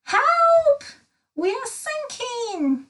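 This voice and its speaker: A woman voicing a scatty, excitable little lady from a children's storybook, with a dramatic, naive eagerness. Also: very high-pitched, drawn-out words, recorded from a distance, pitched above the performer's own voice, exaggerated voice. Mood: panicked.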